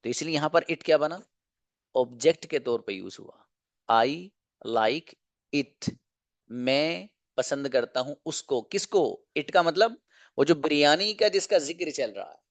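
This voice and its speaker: Giving an online English grammar lesson, a man goes through the material slowly, repeats examples, and throws out rhetorical questions. His fairly high voice carries lively intonation, and there's no echo.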